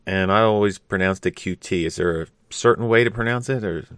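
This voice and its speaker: A man's voice: low-pitched, brisk, a bit bright, clean tone, no room sound. A man co-hosting a podcast, asking follow-up questions in a good-humored, inquisitive way. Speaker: podcast co-host. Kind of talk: casual podcast chat.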